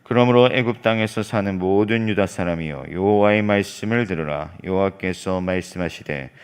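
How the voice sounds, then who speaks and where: A man reading scripture aloud in church, with a solemn, measured and even recitation. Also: low-pitched, clear, resonant tone. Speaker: scripture reader.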